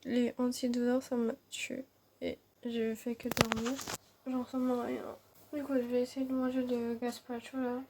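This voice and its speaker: A young woman whispers very quietly into her vlog. She sounds anxious and sleepless, and there is faint noise around her. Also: fairly high pitch.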